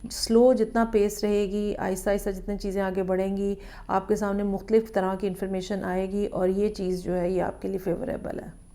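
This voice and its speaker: Calm, flat-voiced tarot reader woman. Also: medium pitch. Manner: measured, explanatory, checks in with "ठीक है". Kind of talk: weekly tarot horoscope reading.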